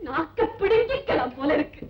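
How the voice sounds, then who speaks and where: An actress playing a nagging, sharp-tongued young wife in a 1970s film comedy, swinging between laughter and sobs. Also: female voice, sits high, big pitch swings, a little fast, a little hiss or hum. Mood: complaining. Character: fed-up young wife of a turncoat husband. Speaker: exasperated wife. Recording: dull old film soundtrack.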